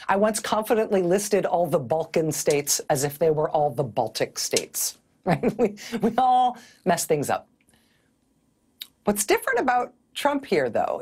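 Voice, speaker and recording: A middle-aged woman delivers television news commentary with a slightly husky, breathy edge. Her pitch swoops and rises animatedly as she builds her point. The tone is wry and sardonic, recorded close on a clean studio mic. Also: a little mellow. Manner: wry, sardonic, often laughing mid-sentence.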